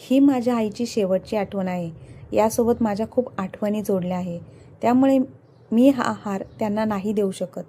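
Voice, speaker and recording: A woman's voice: mid-range voice, normal speed, mellow, a little hiss or hum, natural voice. A woman voicing a long-suffering young wife who firmly refuses and stands her ground. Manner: firm, resolute refusals.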